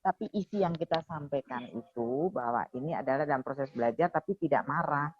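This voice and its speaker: A woman's voice: low-pitched, fairly quick. A woman lecturer giving firm, practical advice in a lecture and discussion. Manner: firm, advising, many "mm-mm" backchannels. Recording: dull dry lo-fi sound.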